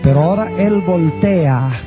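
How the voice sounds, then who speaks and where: A man preaching a sermon as pastor, dramatic and emphatic, slowing down to stress key words. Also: on the high side, lively intonation. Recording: dull lo-fi sound with faint music.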